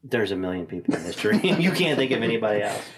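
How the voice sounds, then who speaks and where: A male podcast co-host in relaxed, comedic banter. His voice sits low but moves around a lot, and he drops short, dry jokes. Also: fast talker, heavy background noise. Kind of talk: casual comedic chat.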